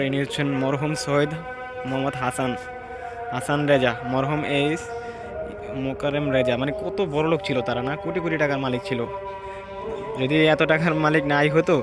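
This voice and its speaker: A man gives a hushed, reflective walking tour of an outdoor graveyard, pausing to read the graves aloud. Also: medium pitch. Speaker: vlogger. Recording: outdoor ambience noise.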